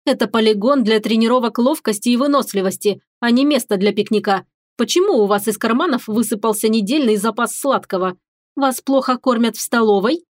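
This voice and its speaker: A woman's voice: fairly high pitch, no echo, clean studio sound, lightly acted. A woman voicing a cruel sneering drill instructor. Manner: slow, spat-out insults, contemptuous. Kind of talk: audiobook character voice.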